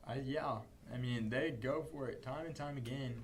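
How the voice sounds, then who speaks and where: A man's voice: medium pitch, normal speed, a little hiss or hum. Young male play-by-play caller for a school football stream, bursts of energy on big plays. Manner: calls plays in rising bursts. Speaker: play-by-play announcer. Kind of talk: high school football commentary.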